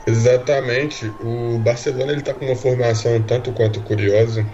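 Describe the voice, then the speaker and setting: Brazilian man, football analyst, even delivery, tactical commentary, muffled audio, faint noise. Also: fairly low pitch.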